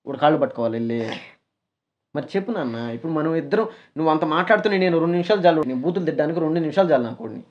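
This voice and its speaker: A man's voice: fairly high pitch, expressive, racing, dull audio. A man hosting, talking firmly like an older brother, scolding and consoling. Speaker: host. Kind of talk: casual chat.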